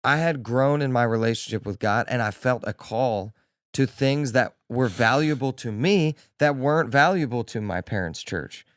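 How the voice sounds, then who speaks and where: A man's voice: medium pitch, lively intonation, moderate pace, a bit bright, no room sound. Casual man talking church, dry room. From Delaware, USA. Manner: conversational, builds points with repetition, frequent "like". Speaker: podcast co-host. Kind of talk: casual chat.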